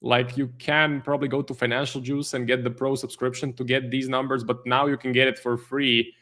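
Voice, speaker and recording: A man's voice: medium pitch, level tone, brisk, a bit bright. A man, a trading stream host giving live market commentary, thinking aloud with many fillers and restarts. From Croatia.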